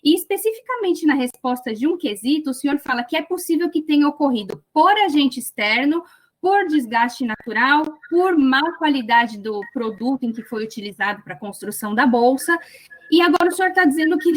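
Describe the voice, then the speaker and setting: High-voiced woman lawyer questioning. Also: expressive, normal speed. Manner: persistent, formal, precise. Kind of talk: courtroom questioning over video call. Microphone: video call.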